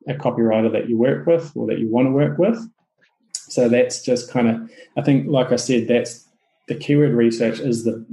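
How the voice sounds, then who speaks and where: This medium-pitched man has a New Zealand accent and sounds like he's in an echoey room on a rough recording. He's a podcast guest chatting casually about his business. He's relaxed and full of fillers and restarts.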